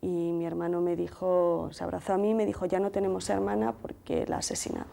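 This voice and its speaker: A woman in her thirties with a Madrid Spanish accent, a TV interview guest calmly recounting events in detail with quoted dialogue. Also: on the low side, fast, vocal fry. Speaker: guest, sister of the deceased. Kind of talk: emotional first-person account in a TV interview.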